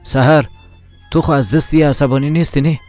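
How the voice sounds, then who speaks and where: A man voicing a brisk calming son. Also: on the high side, soft background music, natural voice. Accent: Tajik. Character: young adult son, hurried and calming his sister. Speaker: adult son in a family drama. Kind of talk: dubbed television drama.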